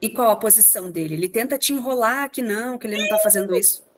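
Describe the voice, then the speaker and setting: A woman therapist, leading group therapy with calm, probing questions and faith language. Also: mid-range voice, fast talker, background noise.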